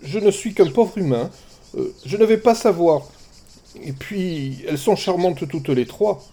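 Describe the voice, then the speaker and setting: A man's voice: fairly high pitch, takes it slowly, dark tone, slightly rough, voice pushed up. A man playing a stammering, flustered young shepherd. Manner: stammering, hesitant.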